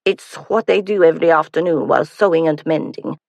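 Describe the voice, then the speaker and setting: A woman's voice: deep voice, fairly quick, gravelly, darkish tone, no echo, studio quality. A woman voicing a grinning, needling man newly arrived in England, teasing and wry, in an audiobook.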